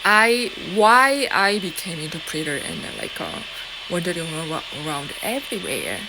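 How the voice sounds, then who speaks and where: At normal speed and in a lowish voice, a Korean-accented woman rambles to her viewers in a defiant tone, swearing often and peppering her speech with fillers and restarts. The background noise is loud and steady.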